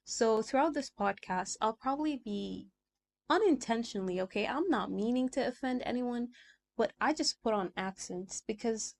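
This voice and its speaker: Lively intonation and vocal fry mark this fairly high-pitched, moderately paced voice, with a slight hiss or hum in the recording. It belongs to a young woman from Sudan, native in Arabic with a mixed American and British accent, who rambles chattily on her solo podcast via a small desk mic.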